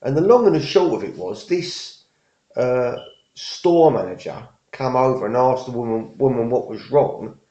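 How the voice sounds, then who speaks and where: A middle-aged man with a dark, mellow voice rambles through a casual story, circling back and repeating himself. He uses everyday working-class slang. The sound is dull and lo-fi and echoes around the room. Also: mid-range voice, expressive, unhurried. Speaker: vlogger.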